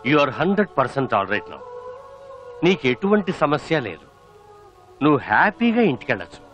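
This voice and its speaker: An actor playing a calm male doctor in dubbed film dialogue, reassuring in tone. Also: on the high side, a little slow, lo-fi sound, soft background music.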